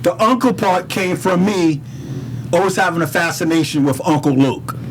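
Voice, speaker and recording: In a high-pitched voice at a moderate pace, a Harlem rapper with a New York accent tells stories casually on a podcast. His delivery is animated, slangy and profane, with quoted dialogue. The recording is poor, with slight background noise.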